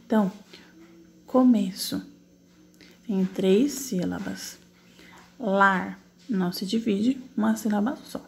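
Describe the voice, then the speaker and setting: A woman's gravelly, medium-pitched voice is heard over slight background noise. She teaches an online class, patiently correcting exercises by asking and then answering her own questions step by step, spelling in slow, stretched syllables while she types.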